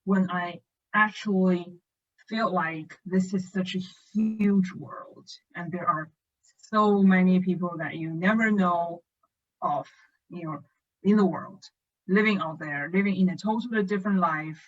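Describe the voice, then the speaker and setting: Slow-spoken woman with a Chinese accent. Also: lowish voice. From northern China. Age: late 20s. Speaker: podcast co-host. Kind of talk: casual conversation. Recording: muffled lo-fi call audio.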